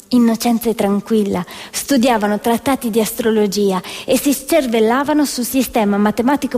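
An actress with a slightly high, somewhat mellow voice performs scripted theatrical narration, telling the story in a declamatory style. The recording was made in a reverberant hall with music behind her.

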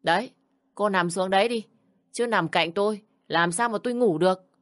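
A woman's voice: medium pitch, moderate pace, no echo, pitched above the performer's own voice, close to an everyday voice. A woman voicing a bossy, contemptuous older mother-in-law who scolds and sneers. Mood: scolding.

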